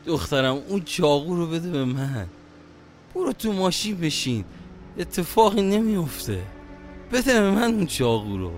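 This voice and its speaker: A man's voice: on the high side, sing-song, darkish tone, soft background music. An actor playing an older, fatherly taxi driver in an audio drama, pleading and prone to stammer when frightened. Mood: calm, coaxing. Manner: pleading, stammering under pressure.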